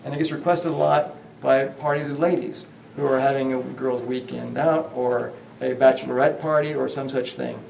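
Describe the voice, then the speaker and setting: A man's voice: mid-range voice, fairly even intonation, moderate pace, creaky, few pauses, darkish tone, far from the mic, a little hiss or hum. A man guiding a ghost tour through a hotel, telling stories in a rambling way with many fillers and restarts. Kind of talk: guided tour storytelling. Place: hotel hallway. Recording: echoey hallway, voice off-mic.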